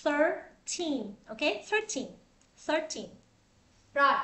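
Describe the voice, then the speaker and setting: A woman with a high, bright voice teaches a pronunciation lesson on a livestream. She chats with her viewers and drills each word by repeating it slowly, with frequent laughs in between. The sound comes from a tablet microphone indoors. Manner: chatty, drills words by slow repetition. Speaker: English teacher.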